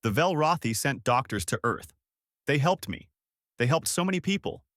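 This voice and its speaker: A man voicing a young woman, a janitor's emotional sister, in a higher, eager voice in a dry recording. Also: lively intonation, normal speed, a bit bright, no room sound, lightly acted. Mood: tearful joy.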